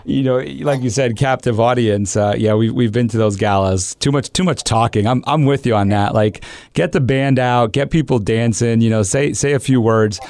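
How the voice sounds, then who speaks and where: A man's voice: medium pitch, moderate pace, hardly any pauses, darkish tone, no echo, clean studio sound. A man hosting a podcast, chatting casually and repeating words as he starts his sentences. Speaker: podcast host. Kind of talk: casual conversational interview.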